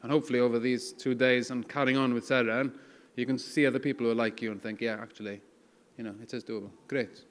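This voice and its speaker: A man with a mid-pitched voice hosts a panel session. He is casual and encouraging, addressing the speakers and the audience informally. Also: fairly even intonation, fast, big-room sound. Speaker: session host, moderator.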